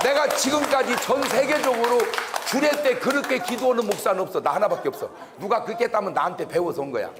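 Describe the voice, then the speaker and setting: A male pastor delivering a comic lecture, his voice sitting a little high and swinging widely up and down. He jokes constantly and breaks into sudden loud shouts for effect. A faint noise sits under the recording. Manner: animated, joking, bursts into shouts. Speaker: pastor giving a public lecture. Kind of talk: humorous public lecture.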